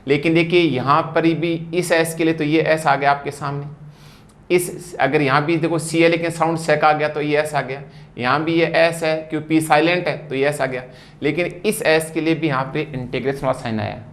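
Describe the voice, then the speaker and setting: A man's voice: a little high, fairly even intonation, a bit bright. A man gives an emphatic lecture on English sounds. He keeps repeating cues to look and stretches out each sound for his students. He talks as he writes on a board. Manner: repetitive, emphatic, drawn-out sounds. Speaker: English teacher. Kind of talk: classroom lecture on phonetics.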